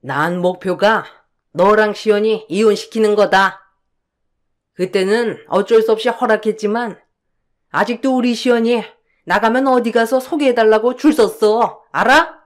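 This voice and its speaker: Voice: mid-range voice, unhurried, lightly acted. A voice actor playing a cold, spiteful older mother-in-law who scolds and sneers, in a radio drama. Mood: sneering.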